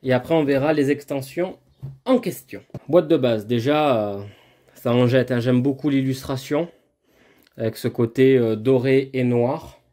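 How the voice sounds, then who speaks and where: A man's voice: mid-range voice, a little slow, warm tone. A man hosting a board game channel, chatting casually through an unboxing with frequent fillers and restarts. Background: lawn mower and brush cutter nearby.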